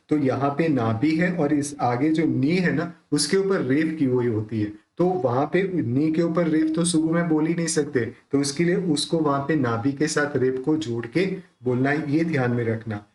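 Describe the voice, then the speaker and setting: A man teaching the pronunciation of a Sanskrit hymn, explaining patiently in speech and then reciting the verses slowly in a drawn-out chant. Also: a little high, darkish tone, roomy sound, low-quality recording.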